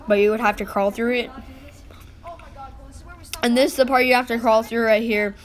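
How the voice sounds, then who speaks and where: Casting: female-sounding vlogger, informal rambling voice-over, medium pitch, conversational and unpolished, swears lightly. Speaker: vlog narrator. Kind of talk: casual voice-over commentary on exploration footage.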